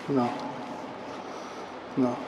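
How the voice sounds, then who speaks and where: Speaking very slowly in a dark tone, a male preacher gives a fervent, emphatic sermon and keeps repeating key phrases. The audio is dull, with a hall's long reverb and faint background noise.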